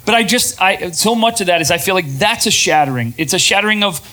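A man co-hosting a talk show, speaking in a casual, animated way to a room of listeners and slipping into quoted voices. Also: high voice, fast, rough recording. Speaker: podcast co-host. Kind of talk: casual talk to a live audience. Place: room with an audience.

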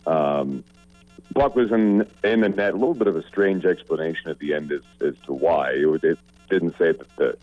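A man's voice: extremely low pitch, normal speed, phone-quality sound, faint music behind. A man co-hosting a sports radio show, joking around and rambling with restarts. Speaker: radio sports talk co-host. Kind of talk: casual sports radio banter.

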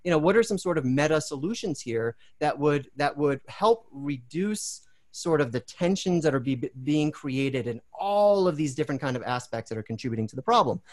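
A man hosts an online discussion, laying out ideas in a thoughtful, steady way. His voice is somewhat high for a man. The sound is dry and close, with no room echo. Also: normal speed, few pauses. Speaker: host. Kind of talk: casual discussion on a video call.

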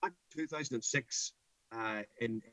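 A man's voice: medium pitch, moderate pace, pushed and bright, dry recording. A middle-aged man with a Northern Irish accent, talking anecdotally in an interview as a coach, emphatic and given to repeating his phrases. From Northern Ireland. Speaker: school football coach.

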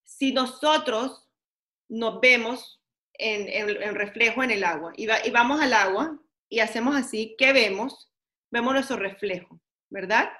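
Woman, bright high voice, relaxed teaching tone that switches into words mid-sentence. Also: unhurried. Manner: mixes English words into Spanish, asks "¿ok?" often. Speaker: teacher of a weekly class. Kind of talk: casual spiritual lesson.

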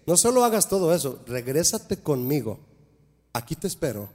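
A man's voice: fairly high pitch, sing-song, moderate pace, darkish tone. A man preaching a sermon as a pastor, emphatic and full of rhetorical questions to his congregation. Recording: long hall reverb.

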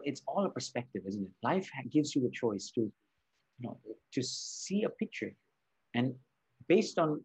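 A man's voice: on the high side, darkish tone, husky, lo-fi sound. A man from Spain, a coach and podcast guest, talking earnestly and reflectively, often repeating words and adding "right?" and "you know".

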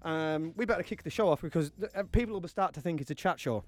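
A man's voice: a little high, quick pace. A man with an English accent hosting a live radio show, joking and chatting in casual banter with his co-host in the studio. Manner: joking, chatty, self-mocking.

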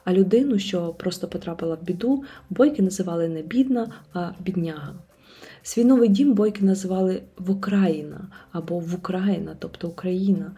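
Dark-voiced woman narrating a podcast. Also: fairly low pitch, slightly rough. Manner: calm, measured reading. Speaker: podcast host. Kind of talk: scripted narration.

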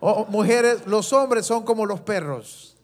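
A man interpreting a sermon live, following each phrase, with hesitations and quick self-corrections. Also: high voice.

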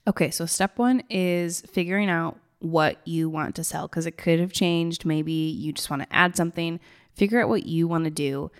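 A woman with a gravelly, tired morning voice, talking informally and ramblingly to listeners like a business coach. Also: sits low, moderate pace. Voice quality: gravelly, raspy. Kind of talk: casual solo talk to listeners.

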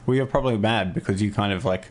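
A man's voice: on the low side, fast. A man co-hosting a podcast in casual chat, joking wryly and swearing as he goes. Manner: wry, joking, profane banter. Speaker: podcast co-host.

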